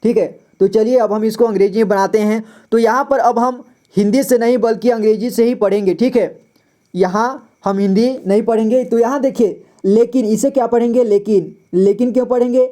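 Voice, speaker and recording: A man teaching a reading lesson step by step, patiently sounding out words slowly and repeating them syllable by syllable. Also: high-pitched, steady tone, warm tone.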